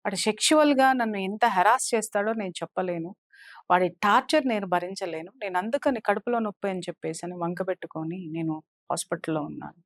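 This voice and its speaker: A woman's voice: medium pitch, fast, dry recording, clean studio sound. A woman counselor, telling a personal story in an earnest, indignant way. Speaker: spiritual counselor. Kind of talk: impassioned personal testimony.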